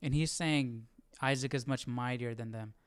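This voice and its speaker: A man with a medium-pitched voice talks at a moderate pace over a slight hiss or hum. He hosts a live Bible study stream, thinking aloud in casual, reflective commentary, checking in with listeners and often asking "right?"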